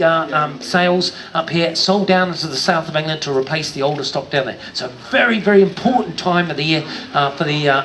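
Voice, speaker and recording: Higher-voiced New man, jokey showman. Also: a bit bright, slight background noise. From New Zealand. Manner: jokey showman, addresses kids and audience. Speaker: sheep show presenter. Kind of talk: live show commentary for a crowd. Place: live show stage before an audience.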